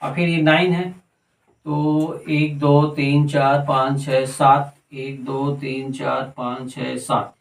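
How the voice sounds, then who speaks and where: A man's voice: mid-range voice, flat delivery, slow, vocal fry, reverberant, far from the mic, low-quality recording. A man teaching a math lesson step by step, counting aloud and answering his own questions as he works.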